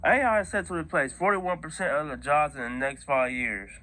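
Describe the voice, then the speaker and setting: An American man with a moderately high-pitched voice talks casually to his online viewers. He rambles through his opinions in loose, heavy slang, regularly checking that they are following along. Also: fairly quick, pushed and bright, rough recording. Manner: slangy, repeatedly seeking agreement with listeners. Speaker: online video host.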